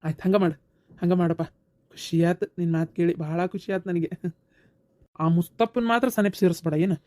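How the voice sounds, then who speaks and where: A man with a North Karnataka Kannada accent voicing an elder brother who asks puzzled questions and reassures gently. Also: high-pitched, brisk, dry recording, studio quality, natural voice. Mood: advising. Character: kindly elder brother, surprised village man.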